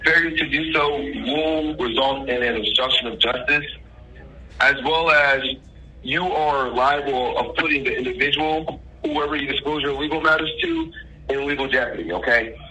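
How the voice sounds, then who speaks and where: This caller has a sharp-toned, medium-pitched male voice and pretends to be an official, pressing the listener, whom he addresses as ma'am, in formal legal wording. Faint noise sits on the telephone line.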